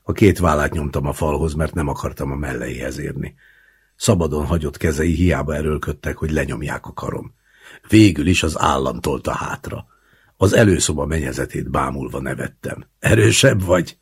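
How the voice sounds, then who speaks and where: A man reading a literary short story aloud in the first person, acting out the dialogue in a lively way. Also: rumbling low, breathy edge. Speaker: audiobook narrator.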